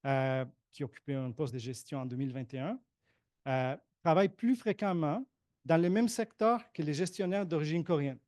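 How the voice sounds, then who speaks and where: A man reading a prepared conference talk on statistics in a measured way, with occasional hesitations. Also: a little high, darkish tone, no echo, studio quality. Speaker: conference presenter, statistics analyst.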